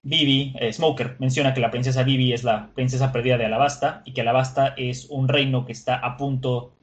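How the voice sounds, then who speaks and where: A man's voice: mid-range voice, fairly even intonation, fairly quick. A man casually recapping an episode as a podcast host, talking in a chatty way with lots of filler words and frequent laughter.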